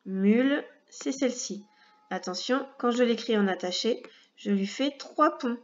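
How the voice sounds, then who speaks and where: A woman teaching a first-grade reading lesson, speaking patiently with clear articulation and talking straight to the child. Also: on the high side, moderate pace, lo-fi sound.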